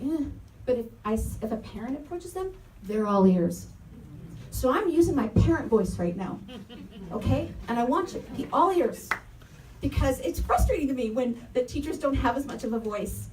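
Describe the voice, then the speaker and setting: A woman's voice: on the high side, animated, a little fast, darkish tone. Impassioned woman speaking at a public forum. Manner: earnest, impassioned, repeats key phrases. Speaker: parent and educator at a community forum. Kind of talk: public comment speech. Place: community meeting room, roomy and echoey. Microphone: handheld microphone, held from some distance. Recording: echoey room, distant mic, faint noise.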